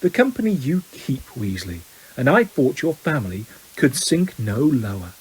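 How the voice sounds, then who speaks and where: A man voicing a haughty, malicious older wizard father in an audiobook, speaking with slow, cold contempt. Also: mid-range voice, very animated, breathy edge, pitched below the performer's own voice, poor audio. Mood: sneering contempt.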